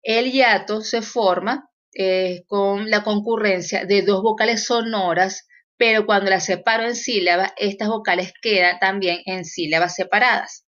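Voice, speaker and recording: A woman's voice: medium pitch, fairly even intonation, measured pace, a bit bright, dull audio. A woman teacher explaining grammar in a recorded lesson, with fillers and self-corrections.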